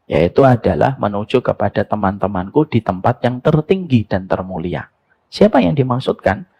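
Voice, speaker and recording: A man's voice: mid-range voice, creaky. A man preaching a sermon, telling stories with humor and asking his listeners rhetorical questions. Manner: animated storytelling, mixing jokes and rhetorical questions. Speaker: Islamic preacher.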